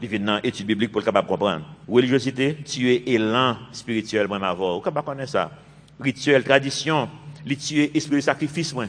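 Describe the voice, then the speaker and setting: A man's voice: medium pitch, brisk. A man in his fifties, a pastor preaching a sermon with emphatic, repeated phrases. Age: 50s. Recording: long reverb of a large hall.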